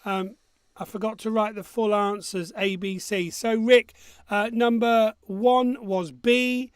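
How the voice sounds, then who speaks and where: High-voiced man quizmaster with a missing front tooth. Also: fairly even intonation, takes it slowly, clear, resonant tone, no room sound, clean studio sound. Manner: jokey, self-mocking. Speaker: quiz host. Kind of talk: casual quiz hosting, reading questions and answers.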